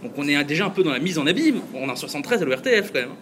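A man's voice: fairly high pitch, very animated, racing, a bit bright, a little hiss or hum. A man hosting a podcast, chatting enthusiastically and poking fun at himself. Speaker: podcast host. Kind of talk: casual chat.

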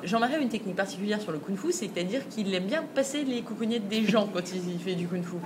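A woman co-hosting a podcast in a casual chat, quick and animated and laughing often. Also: mid-range voice. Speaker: podcast co-host. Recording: noisy recording with audible hiss.

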